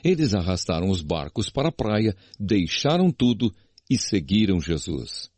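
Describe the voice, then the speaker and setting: A man reading scripture narration in an expressive, measured way. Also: deep voice, dry recording. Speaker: Bible narrator.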